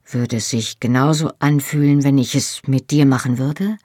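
A woman reading an audiobook, voicing a young, inexperienced man who is earnest and tender, with a soft, hushed whisper. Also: rumbling low, steady tone, normal speed, no echo, clean studio sound.

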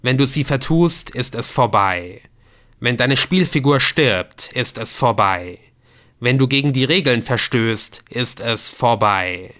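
A man's voice: mid-range voice, expressive. A man reading as a solemn, commanding computer game voice. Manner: slow, loud, solemn pronouncements.

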